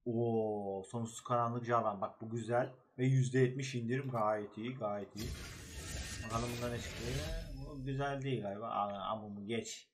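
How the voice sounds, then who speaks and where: A man's voice: medium pitch, fairly even intonation, normal speed, few pauses, a little hiss or hum. A man giving casual gameplay commentary as a gaming YouTuber, talking in short, slangy, reactive remarks.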